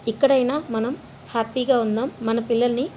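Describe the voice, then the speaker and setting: A woman's voice: fairly high pitch, fairly even intonation, fairly quick, dark tone, a little hiss or hum, natural voice. A woman doing an anxious scolding mother. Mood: worried. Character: worried mother of a teenage girl.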